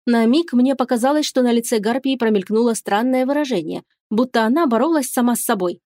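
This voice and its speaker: A woman narrating a first-person fantasy audiobook in an even, steady storytelling manner. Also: on the high side, a little fast, no echo, studio quality.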